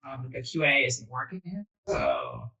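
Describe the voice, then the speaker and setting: A man moderating an online meeting, his call audio choppy and breaking up, and his speech halting and fragmented. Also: medium pitch, gravelly, bright, forceful tone. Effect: choppy, breaking-up video call audio. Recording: distant, glitchy video call line.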